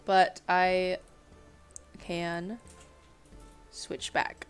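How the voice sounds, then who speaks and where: A woman's voice: lowish voice, flat delivery, drawn-out words, soft background music. A young woman streamer doing a dramatic story reading with playful asides to her chat.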